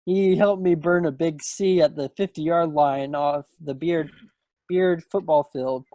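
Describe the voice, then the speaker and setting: Over a video call's computer microphone, a man reads a play, lightly acting the part of a playful, folksy young small-town suitor from the 1940s with a teasing, fond mood. His fairly high voice has a dark tone, fairly even intonation, and a slightly slow pace, and the recording is dry.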